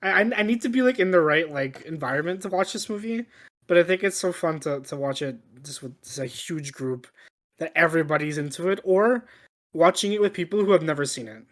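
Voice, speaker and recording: A man with a fairly high voice chats as a movie podcast host. He sounds tipsy, rambling through his opinions, doubling back on his words and cursing casually. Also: lively intonation, brisk. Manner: tipsy, from drinking on the show; rambling, repeats himself, swearing. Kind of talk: casual movie review banter.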